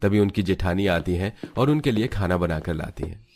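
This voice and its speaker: A man narrating a cartoon story in a steady, scripted storytelling style. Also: low-pitched, moderate pace, a little hiss or hum.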